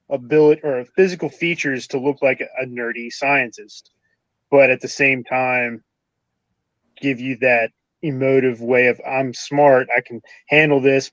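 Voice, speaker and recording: A man's voice: mid-range voice, fairly bright tone, dry recording, dull audio. A man co-hosting a casual movie review podcast, chiming in to correct facts and give opinions. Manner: corrects facts, quick interjections. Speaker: podcast co-host.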